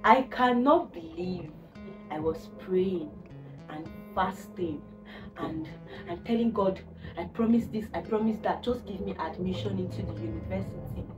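A young woman with a Nigerian accent vlogging at home, ranting about a hard week with exasperated, animated talk. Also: mid-range voice, a little slow, over music. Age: young adult. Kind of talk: casual vlog rant. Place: indoors, living room. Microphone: phone camera.

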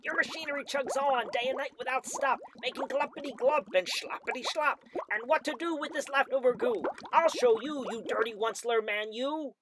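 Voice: high voice, moderate pace, background noise, pitched above the performer's own voice, close to an everyday voice. A reader voicing a small grumpy creature who guards the trees, scolding in rhyme and stopping to cough. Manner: scolding, rhyming, stops to cough. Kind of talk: storybook reading.

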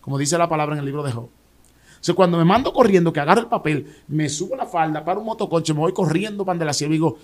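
A man with a Dominican accent giving an emotional personal testimony as an interview guest, telling his story in an animated way with restarts and repeated words. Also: fairly high pitch, quick pace. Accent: Dominican Spanish.

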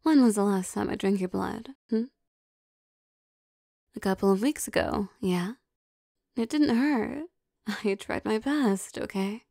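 In an intimate, soft ASMR roleplay, a woman plays a possessive, teasing young vampire girlfriend, coaxing with hesitant pauses. Her mid-range voice is creaky, and the clean studio recording has no echo.

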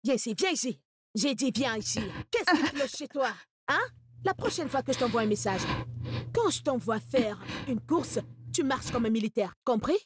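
A woman's voice: on the high side, expressive, moderate pace, a little hiss or hum, natural voice. A woman dubbing a wealthy, bossy woman in a Nigerian film who barks orders and hurls insults at her maids. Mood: scolding. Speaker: actress in a French-dubbed Nollywood film.

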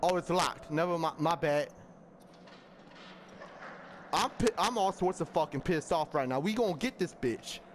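Excitable, profane man, high and lively. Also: a little slow, long pauses, a little hiss or hum. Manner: profane, excitable, talks to the screen. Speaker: gaming commentator. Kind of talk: let's play commentary. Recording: game music behind.

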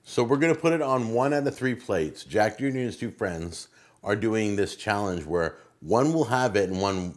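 A man's voice: on the low side, expressive, normal speed. Middle-aged man hosting casually in a kitchen. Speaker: host and cook of a hot wing challenge. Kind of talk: casual hosting to camera and guests. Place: indoor home kitchen.

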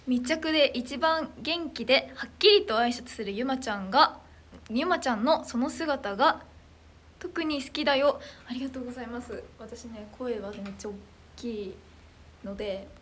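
A young woman runs a casual livestream, answering comments from her viewers and reacting to each one with bubbly excitement. Her high, anime-like voice is loud and clear enough to carry easily, and her pace is measured, with slight background noise.

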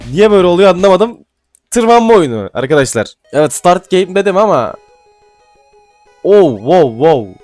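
A man giving casual gameplay commentary, excitable and swearing casually, then dropping to mumbling asides. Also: high-pitched, fairly quick, no room sound. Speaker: gaming YouTuber. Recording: faint music behind.

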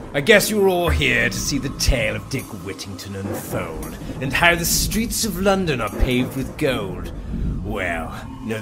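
Male actor as pantomime rat king: vain, gloating, sneering; slow rhymed delivery, very animated pitch. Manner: sneering, rhyming, drawn-out delivery. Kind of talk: pantomime radio play acting.

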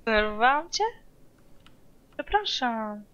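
A woman's voice: fairly high pitch, very animated, slow pace, a bit bright, dull audio. A woman moderating a stream, teasing and nagging the streamer with heavy swearing in casual bickering chat. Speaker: channel moderator.

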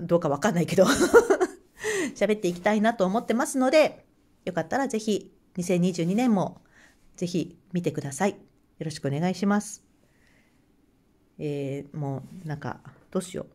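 A woman with a Hokkaido Japanese accent talks through a craft tutorial in a casual, chatty way. Her voice is mellow and her pitch moves around a lot. She laughs often and murmurs quietly to herself between steps. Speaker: craft channel host.

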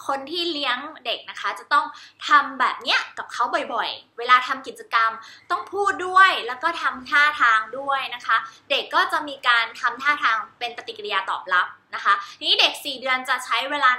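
A woman's voice: sits high, sharp tone, roomy sound. A woman teacher giving a cheerful lesson on baby sign language, demonstrating each sign while repeating English words. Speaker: homeschool teacher.

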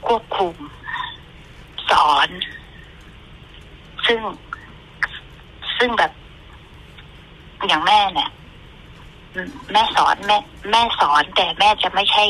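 A middle-aged woman giving an earnest, halting account in an interview as a mother, often repeating herself. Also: medium pitch, sharp tone, low-quality recording.

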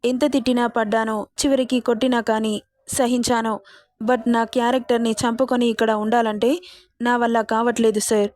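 A woman's voice: a little high, level tone, normal speed, a little mellow, no room sound, lightly acted. A woman voicing a wounded, proud young heroine who speaks earnestly and defiantly in an audio story. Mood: hurt, defiant. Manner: pleading then defiant, earnest.

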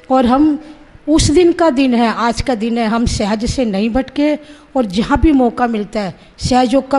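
Lady in her 60s telling her spiritual story, high but mellow voice, earnest, acts out what she said back then. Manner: earnest and vivid, acting out her own quoted words. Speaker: Sahaja Yoga practitioner giving a testimony. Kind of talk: personal testimony storytelling.

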